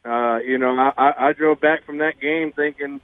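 A man calling into a radio show over the phone, talking haltingly with many uh and you know fillers. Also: medium pitch, steady tone, no room sound. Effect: phone-line caller on a radio show. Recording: tinny phone line, dry.

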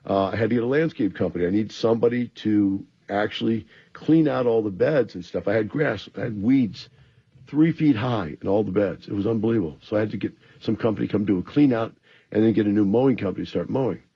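Groggy guy doing a radio advice show, kinda low voice, talks right at listeners, muffled dull sound. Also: quick pace, husky. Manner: explanatory, addresses listeners directly. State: a little groggy from antihistamines. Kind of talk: rambling radio talk monologue with advice.

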